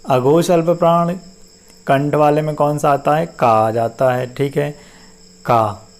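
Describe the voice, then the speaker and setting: A man teaching a class, who explains step by step, repeats each term, sounds out syllables slowly and often asks whether it is clear. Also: fairly high pitch, steady tone. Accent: Hindi-speaking North Indian. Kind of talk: classroom-style lecture.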